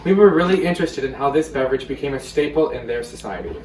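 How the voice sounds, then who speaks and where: A young man who is a presenter and student actor on a sound team delivers scripted educational narration. His medium-pitched voice is animated, quick and darkish, in a roomy, echoey recording with plucked guitar music and slight background noise.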